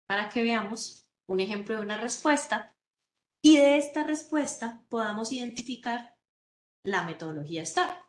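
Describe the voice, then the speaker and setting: A woman's voice: on the high side, echoey room. A woman, a career counselor teaching a class and often checking in with her students. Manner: warm coaching tone, many rhetorical "¿sí?" check-ins. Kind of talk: virtual class lecture.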